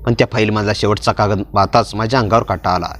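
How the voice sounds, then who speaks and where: Guy narrating a dramatic story, steady delivery, first person. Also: fairly low pitch, fast talker.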